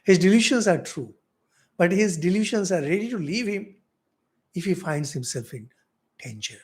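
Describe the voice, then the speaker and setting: Animated Indian man lecturing with swooping pitch. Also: normal speed. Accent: Indian English. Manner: animated, rhetorical questions, wide swings in pitch and loudness. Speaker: monk teaching spiritual philosophy. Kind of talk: spiritual lecture.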